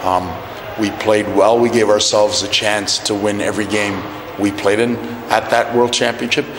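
A middle-aged man, a national team coach, giving a measured postgame interview in an arena press area and often repeating words as he searches for phrasing. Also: lowish voice, fairly even intonation. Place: indoor arena press area by a sponsor wall. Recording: echoey arena hall with noise.

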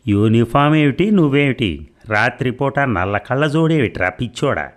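A man voicing a grumpy middle-aged husband who shouts indignantly in a comic story. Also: mid-range voice, expressive, normal speed, pitched above the performer's own voice, close to an everyday voice. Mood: indignant shouting. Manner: loud, indignant, scolding.

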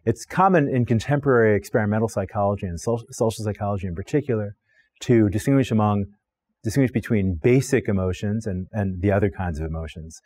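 A man's voice: on the low side, quick pace, a little mellow. Middle-aged man giving a philosophy lecture. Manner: unscripted explaining with frequent restarts and repeated words. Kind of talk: recorded online course lecture. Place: studio with plain backdrop.

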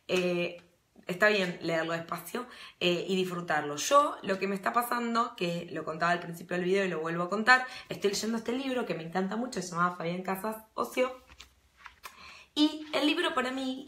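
Bright, chatty Argentine woman in a roomy echo. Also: medium pitch. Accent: Rioplatense Argentine Spanish. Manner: chatty and rambling, full of fillers and restarts. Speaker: book vlogger. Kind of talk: casual live-stream chat. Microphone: phone or laptop mic.

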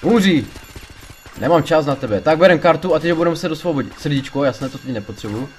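Excitable young-sounding gamer guy swearing. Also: fairly high pitch, slight background noise. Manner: excitable, swears a lot, panics loudly in tense moments. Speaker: let's play gamer. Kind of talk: casual gameplay commentary.

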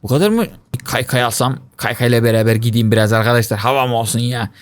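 A young man giving lively Let's Play commentary, talking to his viewers, complaining dramatically and shrieking and wailing whenever he fails. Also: mid-range voice, fast talker, dry recording. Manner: excitable, shrieks and wails when he fails. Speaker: gaming YouTuber.

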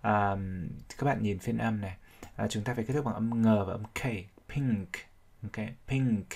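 A man's voice: fairly low pitch, fairly even intonation, a little fast, vocal fry, a little mellow. A man teaching English vocabulary, explaining each sound step by step and repeating words to drill them. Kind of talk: vocabulary pronunciation lesson.

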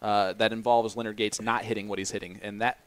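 A man from Indiana, United States, with an American accent hosts and commentates a darts stream in a casual, bantering way, joking and teasing. His voice is on the low side, fairly bright, clear and resonant, with little pitch movement, and he talks fast.

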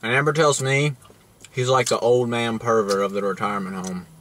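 A young man with a bright, forceful voice rambles through crude comic stories, full of fillers and asides. Faint clicks sit under the recording. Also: mid-range voice, steady tone, moderate pace, a little hiss or hum. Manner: rambling, joking storyteller with crude humor. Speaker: co-host. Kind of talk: crude comedy banter.

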